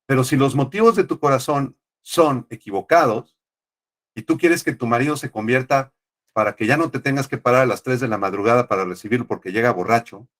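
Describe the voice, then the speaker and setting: A man's voice: medium pitch, fairly quick. A male pastor teaching an online Bible class, often checking in with his students and explaining Greek words.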